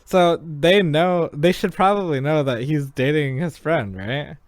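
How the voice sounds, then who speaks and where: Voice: medium pitch, measured pace, no echo, clean studio sound. A podcast host in casual chat, asking short questions and giving brief reactions.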